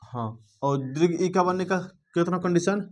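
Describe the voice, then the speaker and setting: A man's voice: high voice, normal speed, darkish tone. A man teaching a grammar lesson to students, asking them questions and checking in again and again with the class.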